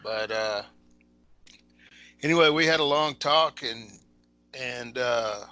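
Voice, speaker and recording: Bright-voiced co-host. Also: male voice, medium pitch, takes it slowly. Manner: easygoing storyteller, dry humor. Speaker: podcast co-host. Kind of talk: casual podcast chat.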